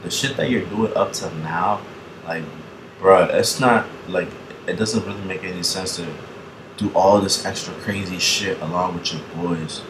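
Deep-voiced young man rambling in an echoey room. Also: moderate pace, a bit bright, slight background noise. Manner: rambling, swears freely, laughs often. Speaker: reaction video host. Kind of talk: casual reaction commentary.

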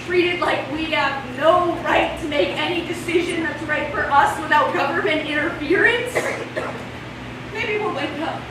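A stage actor performs a theatrical monologue in a one-act play, playing an indignant woman in crisis over lost rights, projecting with emphatic, impassioned delivery and a mood of indignant disbelief. Her voice is high and a little slow. A distant camera captures her on an indoor stage before a seated audience, so the hall sounds echoey and noisy from far off.

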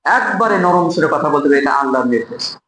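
A man preaching a Friday sermon to a congregation in a mosque, speaking emphatically, asking rhetorical questions and chanting verses in a drawn-out way. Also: fairly high pitch, lively intonation, a bit bright, a little hiss or hum. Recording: echoey hall.

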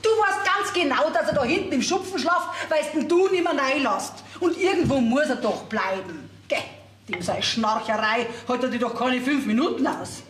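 A woman's voice: high-pitched, animated, moderate pace, fairly bright tone. An actress with a Bavarian accent playing an outspoken, scolding middle-aged farm mother in a folk theater play. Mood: blunt. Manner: blunt and scolding. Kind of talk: folk theater stage acting. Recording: roomy stage sound.

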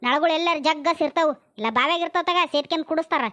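Actress as a sharp-tongued North Karnataka village woman, high and quick, muffled lo-fi sound. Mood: scolding. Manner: sharp scolding, turns tearful and pleading. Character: quarrelsome village woman of the house. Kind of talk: village comedy drama acting. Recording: dull lo-fi sound.

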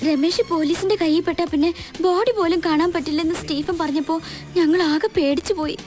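A woman's voice: extremely high pitch, fairly even intonation, a little fast, darkish tone, soft background music. A young woman with a Malayali accent acting as a nervous, pleading college student in a film drama. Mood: anxious. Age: young adult. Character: anxious young female college student under police questioning. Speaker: actor in a film.

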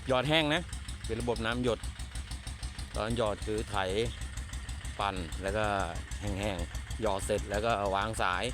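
Older farmer chatting in a corn field. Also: male voice, fairly low pitch, fairly even intonation. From Thailand. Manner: rambling, unhurried, repeats himself. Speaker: farmer vlogger. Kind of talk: casual on-site vlog. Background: idling engine.

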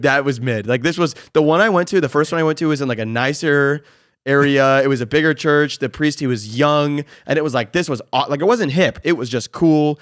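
A young man talking as a podcast guest in a studio, animated and slangy, telling stories with plenty of fillers. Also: mid-range voice, no echo. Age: young adult. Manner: animated storyteller, slangy, quick with many fillers. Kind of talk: casual conversation. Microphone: studio boom mic with headphones.

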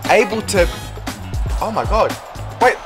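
Male play-by-play commentator, unhurried delivery, bursts into shouts on big moves, game music underneath. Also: sits high, lively intonation. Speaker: wrestling commentator for a video game.

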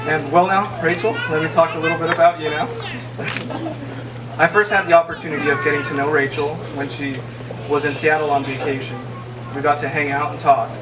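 A man's voice: fairly high pitch, fairly even intonation, fairly quick, recorded from a distance. A young man giving a best man's toast, reading from a page into a handheld microphone, a little nervous and laughing at his own jokes. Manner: nervous, laughs between lines. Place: large wedding tent, indoors. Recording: echoey room, mic heard from afar, crowd noise.

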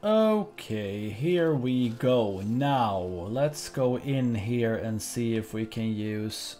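Lively man playing a video game. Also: mid-range voice, very slow, faint music behind. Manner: playful, chatty, laughs often. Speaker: gaming YouTuber. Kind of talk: let's play commentary, reading game dialogue aloud.

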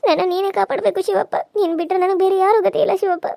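Woman doing a cartoon village woman, tearful and begging, very high voice. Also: steady tone, racing, gravelly, warm tone, no room sound, clean studio sound. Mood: praying. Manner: pleading, tearful. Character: frightened pleading village woman begging for life. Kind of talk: cartoon serial dubbing.

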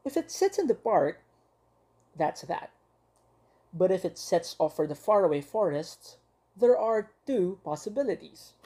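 A woman teacher reads a children's picture book aloud with lively expression and dramatic pauses. Her voice sits slightly low and has a warm, mellow tone. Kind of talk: storybook read-aloud for young children.

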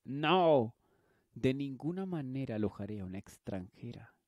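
Gruff farmer father, curt and stern, read by a man, husky, dry close sound. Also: medium pitch, slow pace, no echo, lo-fi sound. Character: gruff widowed farmer father, harsh to strangers.

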